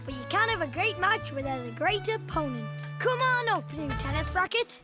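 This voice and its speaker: A woman's voice: extremely high pitch, very animated, normal speed. A woman voicing Henry, a cheerful, curious little boy in a cartoon, talking eagerly. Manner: eager, bubbly, exclaims often. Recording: music playing behind.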